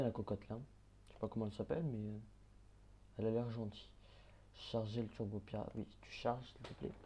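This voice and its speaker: A man giving casual gameplay commentary, chatting, swearing and muttering quick orders at the characters on screen. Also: lowish voice, dark tone, slight background noise. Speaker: let's play gamer.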